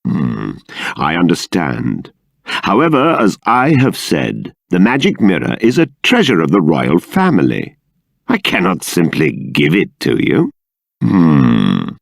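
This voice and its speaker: An actor playing a stately, stern middle-aged king and exasperated father in a fantasy video game, speaking in a formal, deliberate, emphatic manner. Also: low voice, huge pitch swings, creaky, no room sound, clean studio sound, exaggerated voice. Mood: pensive, guarded. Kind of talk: theatrical fantasy game voice acting.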